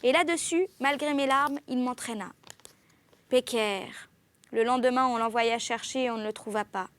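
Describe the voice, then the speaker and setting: A woman reading a classic novel aloud in an expressive literary style, lifting her voice on exclamations. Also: a little high, a little fast, dry recording. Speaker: audiobook reader.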